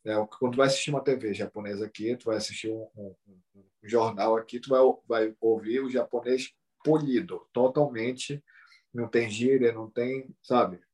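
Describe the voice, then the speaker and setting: A man's voice: medium pitch, fairly even intonation, normal speed, darkish tone. A Brazilian man talking casually and animatedly, tagging sentences with "entendeu?" and "sabe?". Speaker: Brazilian living in Japan, talking about the language. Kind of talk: casual chat.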